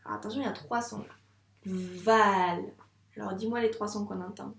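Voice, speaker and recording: A woman teacher with a French accent, slowly and patiently sounding out syllables in a dictation lesson for a young child. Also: mid-range voice, fairly even intonation, gravelly, a bit bright. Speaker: first-grade teacher. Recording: echoey room sound.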